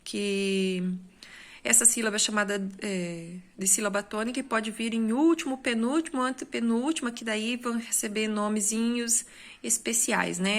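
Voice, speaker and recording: A woman's voice: fairly high pitch, fairly bright tone. A woman with a Brazilian Portuguese accent, a school teacher going through exercise corrections in a recorded lesson, explaining step by step and often checking in with the class.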